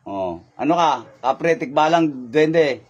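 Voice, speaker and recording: A man's voice: a little high, expressive, slow pace, husky, highs cut off. A man acting as faith healer in a spirit healing session, commanding one moment and teasing and laughing the next.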